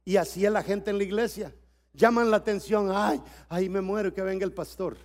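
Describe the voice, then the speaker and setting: A high-pitched middle-aged man from El Salvador preaches at a moderate pace during a church conference. He lowers his voice for storytelling, then builds up to shouting his exhortations.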